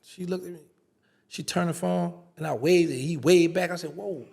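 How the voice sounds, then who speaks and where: A man's voice: a little high, moderate pace, gravelly. A man, an interview guest telling a casual story and acting out the dialogue. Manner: animated storyteller, acts out quoted dialogue.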